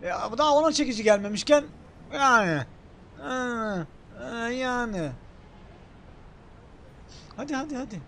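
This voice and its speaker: A young man casually commenting while playing a game, excitable, thinking aloud and swearing in passing. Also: very high voice, unhurried, vocal fry, long pauses, slight background noise. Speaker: gaming channel host. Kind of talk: casual let's-play commentary.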